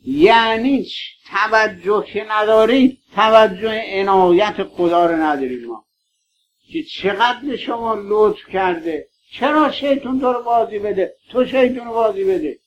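A male preacher's high-pitched voice carries a mourning sermon. He pleads with his listeners and showers them with affectionate names. The recording sounds dull and lo-fi, with faint background noise. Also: lively intonation.

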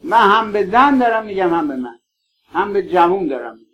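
High-voiced pleading male preacher, lo-fi. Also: sing-song, a bit bright. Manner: pleading, affectionate appeals to listeners. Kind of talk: mourning sermon. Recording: dull lo-fi recording.

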